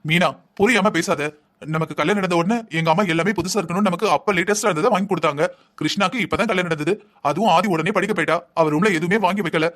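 Man playing a cartoon husband, thrifty, patient, lecturing, rapid-fire talk, higher voice. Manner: calm lecturing, explaining at length. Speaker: husband in a cartoon family drama. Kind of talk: Tamil cartoon voice acting.

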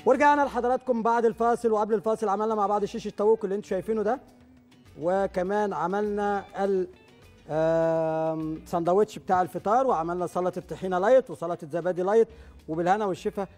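A man's voice: high voice, fairly even intonation, racing, darkish tone, soft background music. A middle-aged man with an Egyptian Arabic accent, hosting a live studio cooking show, chatty as he explains recipes while he cooks. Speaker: TV cooking show chef and host. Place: large TV studio kitchen. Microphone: lapel mic.

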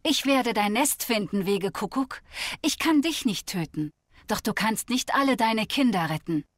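A woman's voice: on the high side, no room sound, studio quality. A woman voicing a vain pleading rattlesnake. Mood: vengeful. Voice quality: slow, rough hissing voice. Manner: pleading, flattering, then bitter. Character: vain, lonely, spiteful female rattlesnake. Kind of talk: fable reading in a video game.

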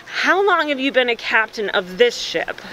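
A woman in her thirties, a travel vlogger, talking excitedly outdoors and interviewing a guest, bubbly and quick to laugh. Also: a little high, a little hiss or hum. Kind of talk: enthusiastic travel vlog and interview. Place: outdoors on a sailing ship's deck and inn garden.

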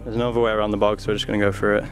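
A man's voice: lowish voice, level tone, racing, over music, poor audio. A man exploring the countryside, making casual, matter-of-fact remarks on location.

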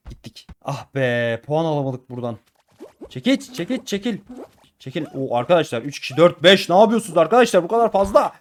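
A man giving excitable live gameplay commentary as a gaming YouTuber, talking to his viewers as friends and repeating words in sudden bursts. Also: fairly high pitch.

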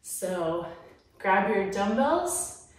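Slow-talking woman coaching a home workout. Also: mid-range voice, sing-song. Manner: encouraging, coaching while moving. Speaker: fitness trainer. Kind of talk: workout instruction. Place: small room at home. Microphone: camera at a distance. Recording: very echoey room, far from mic.

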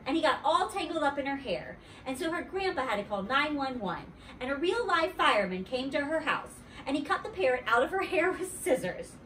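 A bold, chatty little girl from a storybook, as a woman reads her aloud, bouncing up and down in pitch with childish, ungrammatical talk. Her voice sits fairly high and swoops with life. The sound is roomy, as though the reader is sitting back from the mic. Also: a bit bright, far from the mic, slight background noise.

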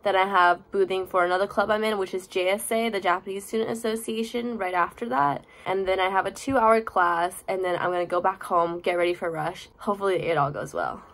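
A young adult woman, a college student vlogger who serves as her sorority's rush chair, narrates a casual vlog to a handheld phone held at arm's length, with room and street ambience in the noisy recording. She sounds bubbly and girly, speaking fairly quickly with hardly any pauses in a medium-pitched, steady, fairly bright voice.

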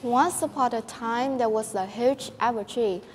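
A woman narrating a fairy tale in a steady, careful reading. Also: on the high side, unhurried, husky, in a large hall. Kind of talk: storytelling narration.

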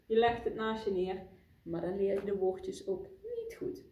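A woman's voice: medium pitch, big pitch swings, a little slow, dark tone. A woman teaching a vocabulary lesson to young pupils, patient and explaining, recorded in a classroom. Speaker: primary school teacher. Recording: echoey classroom from far off.

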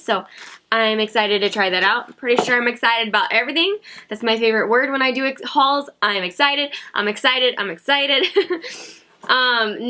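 A beauty vlogger in her thirties does a casual haul chat to camera from her home beauty room, chatty, giggly, and self-mocking. Her voice is a little high and bright, with a slight nasal, stuffy quality from a cold.

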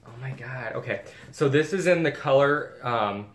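At normal speed and in a mid-range voice, a man vlogs a casual unboxing chat, gushing as he shows off bags. The recording has an echoey room and faint background noise.

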